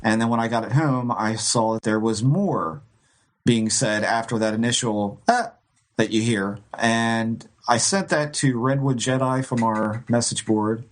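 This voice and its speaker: Unhurried and fairly even in intonation, this mid-range-voiced man co-hosts a podcast and tells a ghost-hunting tale. He rambles casually, restarting often and laughing lightly.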